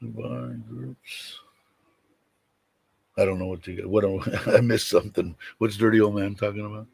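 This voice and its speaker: A man with a deep, rumbling voice hosting a casual livestream, rambling and hesitant as he chats. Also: moderate pace, creaky, a little mellow, husky, no room sound. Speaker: host of a livestream show.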